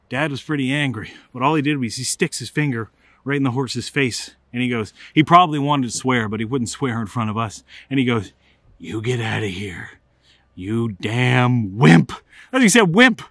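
A middle-aged man, telling a funny personal story in an animated, comic way. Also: medium pitch, normal speed, dry recording. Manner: animated, comic, builds to excited outbursts. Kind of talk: casual spoken storytelling.

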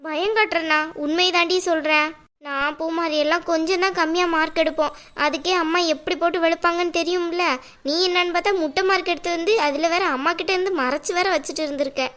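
A woman's voice: extremely high pitch, steady tone, fast talker, a bit bright. A woman voicing a bossy, teasing older sister in a cartoon, with a Tamil accent. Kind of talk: cartoon voice acting.

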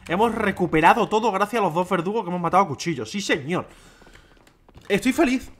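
A young man with a Spain Spanish accent giving casual, excitable gaming commentary, swearing and talking to his viewers. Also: high voice, rapid-fire. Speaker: gameplay streamer. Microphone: desk microphone.

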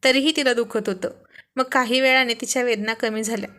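A woman narrating a romantic story in a gentle, expressive reading. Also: fairly high pitch, fairly quick.

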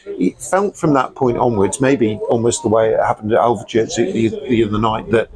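A man's voice: fairly low pitch, brisk, a crowd in the background, rough recording. An English man interviewing a football manager after a match, asking long, rambling questions with fillers. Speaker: club reporter and interviewer.

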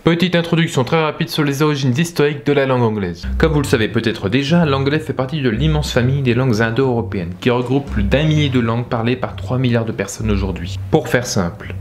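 A man hosting an educational channel, teaching English stress rules in clear, scripted narration with dry jokes. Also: mid-range voice, darkish tone, a little hiss or hum.

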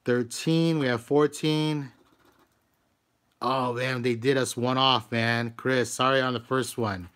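A man's voice: mid-range voice, steady tone, slow pace, fairly bright tone. A man hosting a live stream, scratching lottery tickets, greeting viewers by name and urging each ticket on. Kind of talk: casual live-stream commentary.

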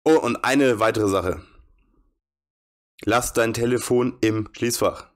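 A man's voice: medium pitch, slow pace, natural voice. A man reading out the lines of a strict senior coworker who scolds a new barista in a horror game. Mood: stern. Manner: stern, scolding.

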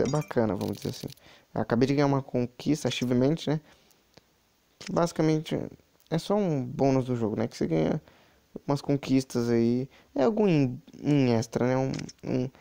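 A man's voice: mid-range voice, creaky, dark tone. A man giving chatty, casual commentary while playing a mobile game, talking to his viewers with many asides. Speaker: mobile game channel host.

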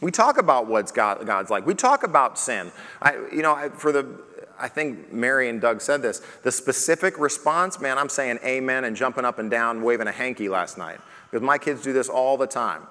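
A man preaching as pastor at a parenting conference, talking lively and acting out the questions he asks his children. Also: mid-range voice, normal speed, big-room sound. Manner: animated, acts out questions to his kids.

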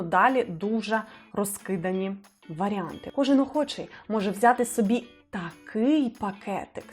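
Female Ukrainian tutor, mid-pitch, explains test logic aloud, faint music underneath. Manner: explanatory, thinking aloud, frequent fillers. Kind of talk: test walkthrough lesson.

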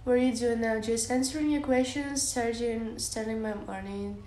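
A young adult Russian woman reads out livestream comments from her bedroom, her accented voice fairly high, steady, soft and slow, with giggles and many "like"s and "uh"s. She holds the phone close while lying on a bed, and the recording is reverberant with slight hiss or hum.

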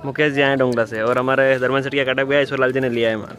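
A man's voice: mid-range voice, little pitch movement, racing, a bit bright, some chatter behind. A young man, hosting a farm market price report in a repetitive, filler-laced delivery, recorded outdoors on a phone. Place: outdoors in an open produce market yard. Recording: outdoor market noise, vehicles.

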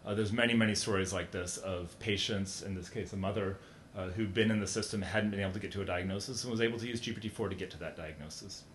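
A man's voice: fairly even intonation, quick pace, fairly bright tone. A middle-aged man giving a conference keynote talk in a large hall, speaking conversationally with many fillers and restarts. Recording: echoey hall, faint rumble.

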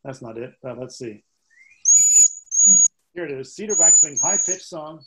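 A man with a somewhat high voice gives an informal songbird lecture, pausing on fillers as he moves through his slides. He eagerly voices bird songs himself. Steady background noise and bird recordings run under the talk. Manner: halting, with frequent "uh" fillers; enthusiastic, imitates bird songs aloud. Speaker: seminar presenter on songbirds.

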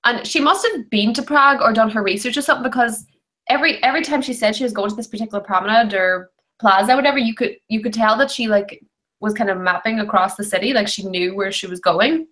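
A chatty young woman with a fairly high, slightly bright voice talks fast as a book club panelist. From her bedroom on a video call, via her computer mic, she gives a frank, casual take on books and uses "like" a lot.

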